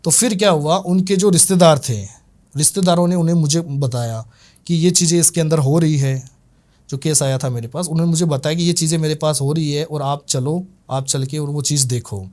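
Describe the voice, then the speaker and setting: Rambling man telling a case, slightly high voice. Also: fairly quick, a little mellow. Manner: rambling, repetitive retelling with many fillers. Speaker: tantrik guest telling a case. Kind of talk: casual spoken storytelling.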